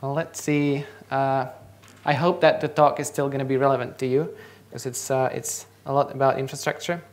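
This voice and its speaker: In a large lecture hall, a young native Czech speaker from the Czech Republic stands on stage giving a conference talk and quizzing the audience. He speaks at normal speed in a medium-pitched, flat voice.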